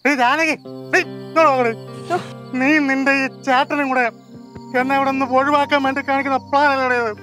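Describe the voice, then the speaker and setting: Drunk bragging husband played by a woman, comedy sketch, quick delivery, light background music. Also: high-pitched, flat delivery, a bit bright. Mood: blustering. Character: drunk quarrelsome husband, middle-aged man.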